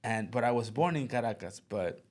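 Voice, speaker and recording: Eager Venezuelan host, stumbling friendly. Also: male voice, mid-range voice, animated, darkish tone. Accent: Venezuelan Spanish. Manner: enthusiastic, halting, repeats words. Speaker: podcast host. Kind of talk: casual interview chat.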